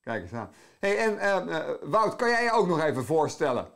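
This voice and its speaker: A man hosts the interview with a high, lively voice that moves up and down a lot. He keeps his guests talking with encouraging follow-up questions. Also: normal speed, gravelly. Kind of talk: interview host.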